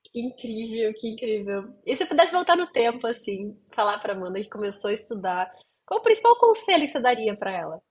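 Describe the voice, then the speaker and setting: A woman from Brazil hosting a casual interview, reacting with quick exclamations and asking follow-up questions. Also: on the high side, sing-song.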